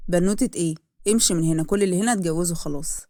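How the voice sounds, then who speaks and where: A woman voicing a possessive, jealous young man with an Egyptian accent, talking loud and angry. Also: high voice, very fast, dry recording, clean studio sound, natural voice. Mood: rude. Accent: Egyptian Arabic.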